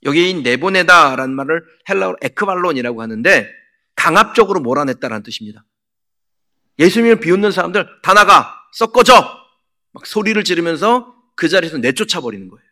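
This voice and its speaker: A man's voice: on the high side, expressive, fast talker, pushed and bright. A male pastor preaching a sermon in a church, asking the congregation questions and acting out quotes. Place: church sanctuary.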